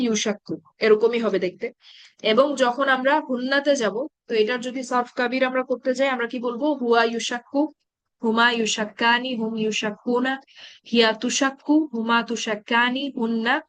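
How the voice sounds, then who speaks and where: A woman with a fairly high voice leads an online grammar lesson. She talks patiently, keeps checking that her students follow, and recites verb forms one by one. The recording sounds close and dry. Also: no room sound. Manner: patient, checks understanding often, recites verb patterns slowly. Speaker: Arabic grammar teacher. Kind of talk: live online class teaching.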